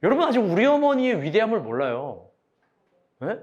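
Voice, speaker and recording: A man's voice: sits high, wildly swooping pitch, brisk, a little mellow, muffled recording. A young man preaching a sermon in a casual, joking way, asking his congregation direct questions and acting out quoted arguments.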